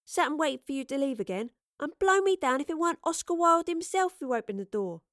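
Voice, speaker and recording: A woman voicing a cheerful, cheeky young woman with a London Cockney accent and slangy, bright delivery. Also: sits high, expressive, a little fast, dry recording, clean studio sound, voice pushed up. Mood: smug.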